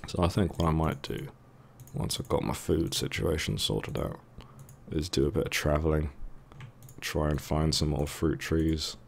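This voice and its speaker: Low, creaky man with a sore throat. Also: unhurried, slight background noise. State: sore throat from a virus, thick congested voice. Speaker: gaming video host. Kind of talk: casual let's play commentary.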